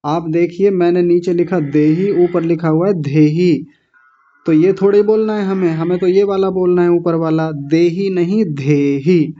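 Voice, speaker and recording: A man's voice: high-pitched, steady tone, fairly quick, few pauses, a little hiss or hum. A man teaching Sanskrit in an online class, sternly correcting his students and breaking words into syllables. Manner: stern, scolding students, drilling pronunciation syllable by syllable. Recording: dull lo-fi audio.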